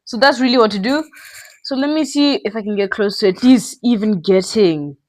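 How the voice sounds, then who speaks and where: A male gaming channel host giving excitable, slangy live gameplay commentary with quick outbursts. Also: high-pitched, no echo.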